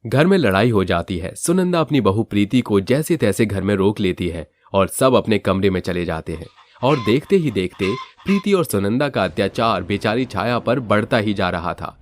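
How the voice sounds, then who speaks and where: A man narrating a moral storybook tale in a steady, even way. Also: on the low side, dry recording.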